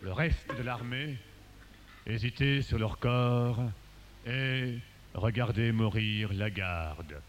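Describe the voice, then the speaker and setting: A man giving a dramatic verse recitation, swinging from hushed murmurs to shouted cries and mimicking drums and fanfares with his voice. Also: mid-range voice, slow, highs cut off, slight background noise. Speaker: poetry reciter. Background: loud music.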